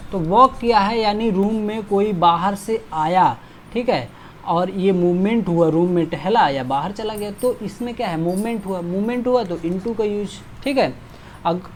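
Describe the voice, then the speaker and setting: A man teaching an exam-prep grammar lesson, reading example sentences slowly and drawn out and checking in often with short asides. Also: high voice, darkish tone, slight background noise.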